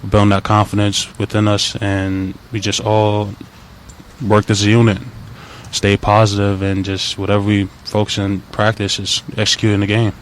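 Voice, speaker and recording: A young man in his twenties, a college football player answering media questions in a halting, soft-spoken way with many fillers. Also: fairly low pitch, monotone, slight background noise. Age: 20s. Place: press availability.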